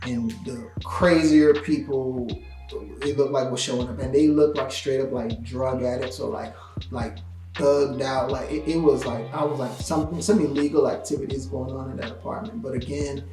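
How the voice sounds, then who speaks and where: A man's voice: medium pitch, normal speed. A man vlogger telling a story in a casual, slangy way, full of "like" fillers. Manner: animated, slangy, lots of "like" fillers. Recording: roomy echo with faint music.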